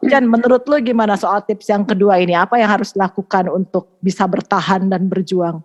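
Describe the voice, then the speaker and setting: A woman's voice: medium pitch, fairly even intonation, a little fast, lo-fi sound. A woman hosting a casual podcast chat, steering the talk and mixing in English phrases. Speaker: podcast host.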